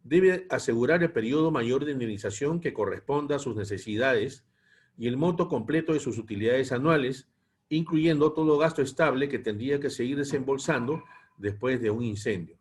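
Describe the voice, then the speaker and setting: A man teaching a class, reading long technical passages aloud at a measured, steady pace and then explaining them. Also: medium pitch, slightly rough. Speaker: instructor. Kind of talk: lecture reading aloud from text. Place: online class.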